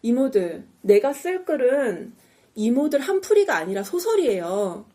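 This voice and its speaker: A woman voicing a frustrated young woman novelist who lectures her elders in a slow, firm, insistent way. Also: on the high side, very animated, warm tone.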